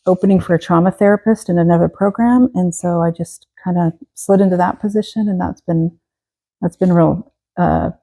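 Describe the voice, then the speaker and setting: Texas woman in her 40s, gravelly warm voice, lots of ums and restarts. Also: fairly low pitch, steady tone, moderate pace, poor audio. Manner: hesitant, many fillers and restarts. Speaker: guest. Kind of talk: casual interview.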